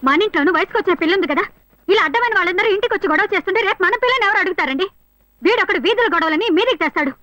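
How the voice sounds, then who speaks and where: A woman's voice: very high voice, animated, rapid-fire, pushed and bright, muffled recording, exaggerated voice. An actress playing an anxious middle-aged mother who frets over family trouble, in a dubbed film scene. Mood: fretful. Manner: fretful, pleading. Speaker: hero's mother.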